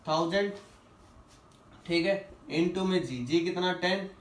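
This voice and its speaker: Male teacher, high pitch, slow on English questions, echoey room with faint background hiss. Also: recorded from a distance. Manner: asks the class questions and answers them himself, calls students "beta"; reads English questions slowly, then explains in Hindi. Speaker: physics teacher. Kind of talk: classroom lesson, solving quiz questions. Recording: echoey room, voice a little off-mic.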